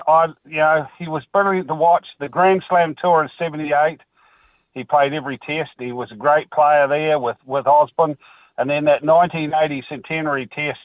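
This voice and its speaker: An older man with a New Zealand accent rings a radio show. His voice is a little high and squeezed by a dry, narrow phone line. He chats casually about sport. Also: no echo. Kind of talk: casual rugby chat.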